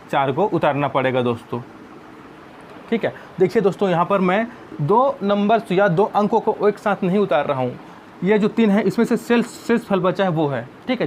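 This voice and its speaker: Male math tutor, slightly high voice, patient and repetitive, faint hiss behind. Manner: patient, often addressing viewers as friends. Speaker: math teacher. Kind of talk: step-by-step classroom explanation.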